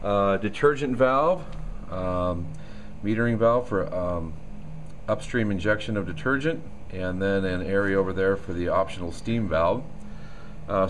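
A man with a fairly low voice walks a camera around a machine in an indoor showroom, explaining its features in a loose, unscripted way. He fills his pauses with plenty of ums and uhs, and there is a faint hum of room noise behind him. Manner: casual, many ums and uhs. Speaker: equipment salesman. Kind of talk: product walkaround demo.

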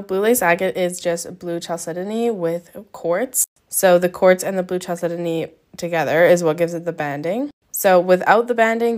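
A young woman with a slightly low voice narrates in a casual, chatty way as she packs orders for her shop. She runs through items one after another in an upbeat tone. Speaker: crystal shop owner.

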